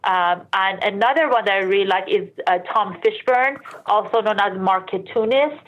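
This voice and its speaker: A woman originally from Iran, who later moved to Canada, speaks at medium pitch and a moderate pace, her voice a bit bright. A sports industry professional appearing as an interview guest, she answers casually and conversationally, adding explanations, asides and self-corrections. The recording sounds dull, lo-fi and band-limited.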